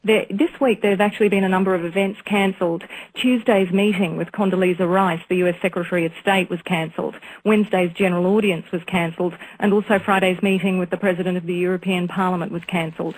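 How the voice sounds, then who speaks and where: A woman's voice: on the low side, fairly even intonation, quick pace, a little hiss or hum, rough recording. A woman foreign correspondent reporting live in a radio news interview, speaking off the cuff with some hesitation. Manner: reporting live with fillers and restarts.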